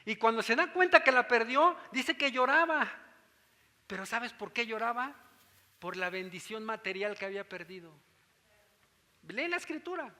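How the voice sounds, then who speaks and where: A man with a Mexican Spanish accent preaches a teaching sermon in a church hall. His voice sits high and sounds very bright and forceful. A long reverb trails behind his words, and he often stops to check that his listeners follow. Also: animated, normal speed, long pauses. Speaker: pastor.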